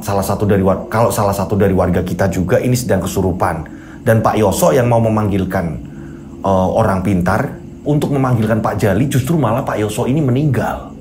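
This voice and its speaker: A man's voice: fairly low pitch, background noise, voice pushed down, close to an everyday voice. A man voicing a patient middle-aged village head who speaks politely, carefully and with hesitations.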